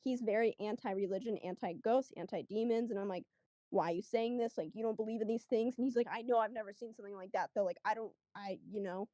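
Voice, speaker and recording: A woman guest with a mellow, darker voice tells her story in an easy, rambling way. She fills it with "like" and "I'm like" and acts out the quotes. The sound is close and dry. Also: medium pitch, fast, no room sound. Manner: chatty, lots of fillers, acts out quotes. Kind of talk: casual storytelling.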